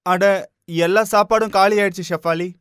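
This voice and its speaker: A man's voice: high voice, steady tone, normal speed, a bit bright, smooth, dry recording, clean studio sound. Man voicing a put-upon young cartoon husband. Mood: exasperated. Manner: mild, coaxing, exasperated.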